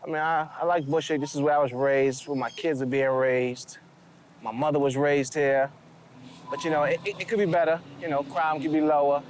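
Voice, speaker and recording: A man's voice: a little high, fairly even intonation, a little fast, slight background noise. A man, speaking conversationally in a documentary interview and often saying "you know". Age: 30s. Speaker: interviewee, local resident.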